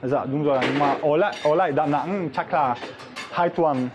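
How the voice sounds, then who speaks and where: A foreign vlogger whose first language isn't Vietnamese chats casually with strangers inside a restaurant in halting, broken Vietnamese, searching for words and repeating them. His fairly high voice comes through over music, with busy eatery chatter and crowd noise all around.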